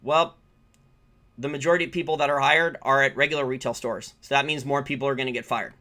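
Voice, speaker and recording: An American finance channel host talks fast in a steady, medium-pitched voice that comes across bright and forceful. Answering live viewer questions, he shares informal, opinionated market views on the fly, repeating things to make them stick.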